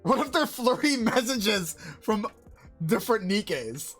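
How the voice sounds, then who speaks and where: A woman streamer giving casual, excitable gameplay commentary, swearing often and shouting when surprised. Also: medium pitch, slow, over music.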